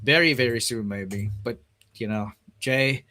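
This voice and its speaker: Laid-back male stream host, bright tone. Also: medium pitch, a little slow. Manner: laid-back, says bro and dude. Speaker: livestream host. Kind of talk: casual livestream chat.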